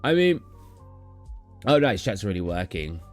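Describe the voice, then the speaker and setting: A young man from southern England chats casually on a live stream, answering chat questions in a tired, rambling way. His voice is lowish and sing-song at a moderate pace, with soft music behind him, and he sounds low on energy.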